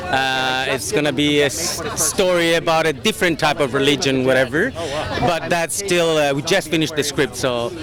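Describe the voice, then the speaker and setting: A man, a film producer from Italy, speaking in a measured, hesitant way at an outdoor red carpet interview. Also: on the high side, over music. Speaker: executive producer. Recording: busy crowd chatter outdoors.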